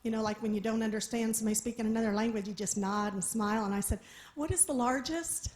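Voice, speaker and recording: Speaking very fast in a mid-range, monotone, slightly mellow voice, a small-town woman performs stand-up at a live comedy venue with an audience. She tells a story, acts out its characters, and laughs at her own jokes.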